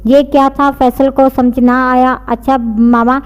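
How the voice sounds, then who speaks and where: A woman with a fairly high voice reads a novel aloud at a steady, even pace. Her narration carries a long echo. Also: a little slow. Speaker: story narrator. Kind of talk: storybook reading of a novel. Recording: long reverb.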